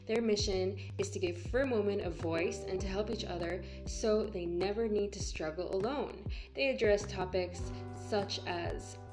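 A woman's voice: medium pitch, moderate pace, few pauses. A woman host reading a scripted introduction of her guest. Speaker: show host. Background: music.

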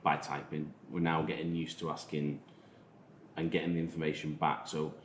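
Male podcast host, Manchester accent, very deep register, rephrases as he goes, faint background noise. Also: level tone, moderate pace. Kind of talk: casual discussion of digital marketing. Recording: roomy echo, faint noise.

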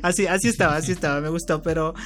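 A man's voice: a little high, fairly even intonation, rapid-fire, a bit bright. Teasing, laughing man on a podcast. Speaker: podcast co-host. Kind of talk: casual chat.

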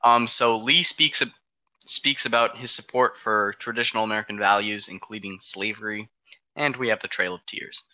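A man's voice: on the low side, fairly even intonation, normal speed, pushed and bright, no echo. A man casually walking through a history timeline date by date, with frequent ums, on dull lo-fi audio. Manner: walks through dates step by step, frequent ums. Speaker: presenter of an alternate history timeline. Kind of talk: casual explanatory podcast talk.

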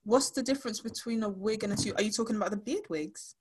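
Female host, raspy medium pitch, casual playful chat with self-interrupting storytelling. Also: fast talker.

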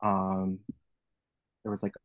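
A man's voice: low voice, completely flat delivery, slow, no room sound. A man from New York City, a guest drag performer, chatting casually and laughing often. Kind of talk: casual chat.

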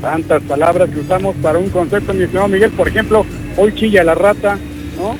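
A man's voice: high voice, steady tone, brisk, over music, low-quality recording. A man with a Mexican accent, a radio reporter chatting live with the host in a folksy, friendly way.

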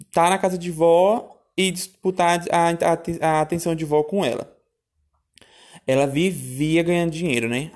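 Animated woman telling stories. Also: on the low side. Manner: animated, exclamatory, addresses listeners as "minha filha". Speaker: storyteller. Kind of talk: casual personal storytelling.

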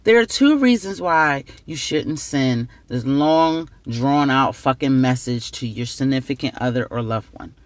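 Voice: medium pitch, expressive, unhurried, hardly any pauses, no room sound. Slightly tipsy podcast host, blunt and profane, rambling advice, dry close mic. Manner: blunt, heavy swearing, rambling. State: slightly tipsy, slurring words. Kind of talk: casual advice monologue.

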